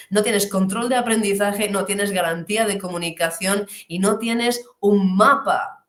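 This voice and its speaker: A woman teaching pronunciation in an online class, animated, slowly stretching the model words she demonstrates. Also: mid-range voice, roomy sound.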